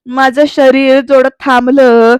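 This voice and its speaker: A woman's voice: high-pitched, little pitch movement, slow, a little mellow, clear, resonant tone, no echo. A woman voicing a proud commanding elder brother. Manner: boastful, commanding. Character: proud stubborn elder brother, head of house.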